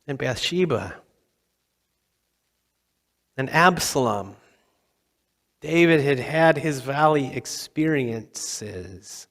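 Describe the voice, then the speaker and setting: A man's voice: medium pitch, lively intonation, fairly bright tone. Man preaching in a reverberant hall. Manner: conversational, dramatic pauses, acts out quotes. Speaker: pastor. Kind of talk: sermon. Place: church sanctuary.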